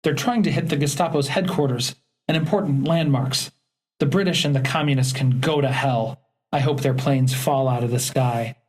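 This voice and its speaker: A man's voice: medium pitch, normal speed, natural voice. Spiteful, sneering neighbor lady in an audiobook, read by a male narrator in his everyday voice. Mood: snippy. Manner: snappish, sneering. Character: spiteful, boastful middle-aged woman neighbor.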